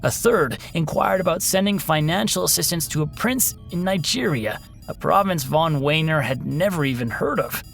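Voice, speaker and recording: Gravelly male storyteller over music. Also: a little high, lively intonation, a bit bright. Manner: measured, dramatic storytelling. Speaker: narrator. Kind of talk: scripted narration of a sci-fi story and lore.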